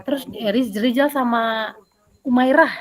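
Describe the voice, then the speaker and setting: A woman PE teacher answering interview questions over a video call, telling a story in an animated way with many fillers. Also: a little high, a little slow.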